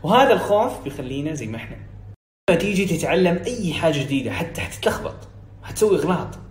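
Young hijazi saudi guy hyping up his viewers, talks super fast, kinda high voice, echoey room. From Saudi Arabia. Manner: energetic, quick, encouraging. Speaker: English speaking coach. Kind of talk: casual motivational teaching. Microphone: phone video story. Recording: roomy echo, faint room hiss.

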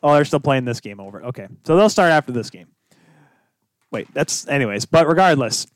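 A man co-hosting a casual hockey podcast, jokey and animated, breaking into mock outrage. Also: medium pitch, brisk, dry recording. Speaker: podcast co-host.

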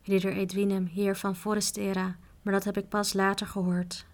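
A woman's voice: medium pitch, level tone, normal speed, natural voice. A woman reading an earnest teenage squire. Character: earnest teenage boy squire, sleepy and modest.

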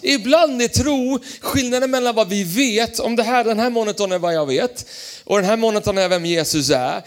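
A young adult man preaching a sermon in a church, energetic and playful, jumping between loud emphatic lines and quiet asides. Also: high-pitched. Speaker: pastor. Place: church hall.

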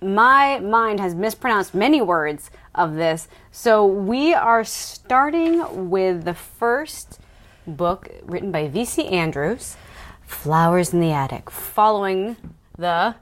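A woman's voice: medium pitch, lively intonation, slow pace, a bit bright. Woman podcast host chatting in an attic. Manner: joking, mock-serious asides. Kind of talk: casual chat.

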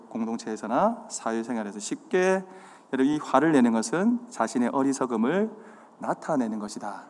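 A man preaching a sermon, quizzing his congregation with questions and acting out the signs of anger. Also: mid-range voice. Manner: animated, acts out anger. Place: church sanctuary. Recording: hall reverb.

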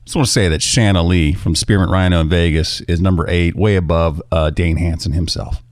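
A man's voice: sits low, steady tone, fairly quick, no room sound, studio quality. A man co-hosting a casual podcast, joking, teasing and provocative in crude banter. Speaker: podcast co-host.

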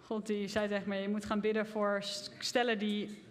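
A woman interpreting a sermon live in a church, steady with small restarts. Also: mid-range voice, moderate pace. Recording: reverberant church hall.

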